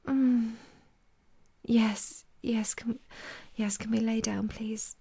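A young woman speaks in a soft, sighing half-whisper, very close to the microphone. Her voice sits a little high and is airy and breathy. She draws every phrase out unhurriedly. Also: level tone, takes it slowly. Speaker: audio roleplay performer. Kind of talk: intimate whispered roleplay monologue.

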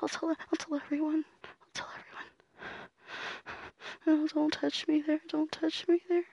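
A woman playing a sharp-tongued student, high and gravelly. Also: little pitch movement, normal speed, dry recording. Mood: frightened pleading. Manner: profane, alternating defiance and pleading. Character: sharp-tongued young female student, mean streak. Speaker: voice actor. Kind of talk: audio roleplay acting.

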